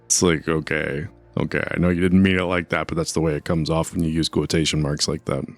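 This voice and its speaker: A man's voice: a bass voice, flat delivery, quick pace. A man streaming a video game, chatting casually and rambling as he answers his chat. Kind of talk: casual gameplay commentary.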